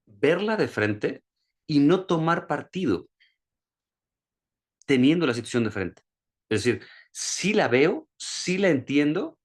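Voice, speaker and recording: A man teaching an online class over a video call. He explains a concept in a plain, everyday speaking voice, often restarting and repeating words. When he gives an example he raises his pitch. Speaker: course instructor.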